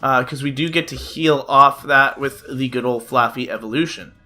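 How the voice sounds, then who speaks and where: With a medium-pitched voice that's pushed and bright, a young man narrates a card game at a moderate pace for his gaming channel. He's chatty, a bit nasal from a cold, and says "uh" a lot, over background music.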